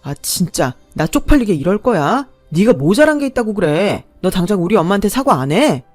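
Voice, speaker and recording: A woman's voice: medium pitch, very animated, a little fast, a little mellow, no room sound, faint music behind. Woman doing a whiny young boyfriend. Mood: irritated. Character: petty young man, mama's boy.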